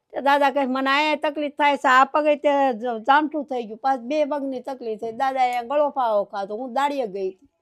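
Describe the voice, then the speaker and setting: A woman's voice: high voice, steady tone, fairly quick. An older woman with a rural Saurashtra Gujarati accent, crying as she tells her story in an interview and repeating that she doesn't know what to do. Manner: grieving, repeats "what can I do?". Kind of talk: tearful personal account.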